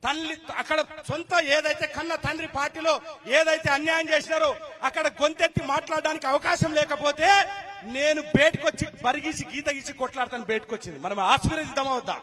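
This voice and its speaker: A man's voice: very high-pitched, fairly even intonation, a little fast, sharp tone. A man with a Telangana Telugu accent giving an impassioned political rally speech, firing rhetorical questions at the crowd. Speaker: political speaker.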